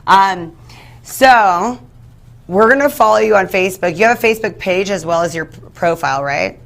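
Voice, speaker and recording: A woman's voice: mid-range voice, normal speed, creaky. A woman hosting an interview over a video call, giving short prompts and steering back on topic. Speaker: host. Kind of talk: interviewing a guest.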